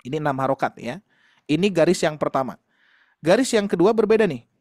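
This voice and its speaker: A man's voice: a little high, animated, a little fast, darkish tone, no room sound, studio quality. A man teaching Quran recitation in an online class, explaining patiently and demonstrating sounds with light laughs.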